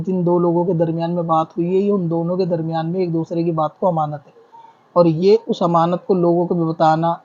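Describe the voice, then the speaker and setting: An Islamic scholar with a high, slightly mellow voice answers questions and explains religious rulings like a teacher. He keeps his intonation very level, reasoning step by step and repeating points, and the audio is dull and lo-fi.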